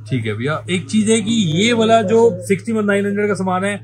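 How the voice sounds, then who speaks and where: Amid crowd noise, an animated man with a high voice rushes through a shop's car accessories in a walkthrough sales video. He pushes hard, addresses the viewer as brother again and again, and names the sale prices.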